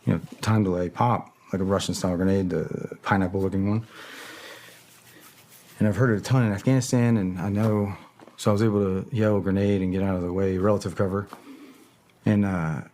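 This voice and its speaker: A man's voice: low voice, steady tone, fairly quick, darkish tone, a little hiss or hum. A man, a podcast guest, telling a story in casual talk, swearing bluntly and often stopping to search for words. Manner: profane, blunt and hesitant.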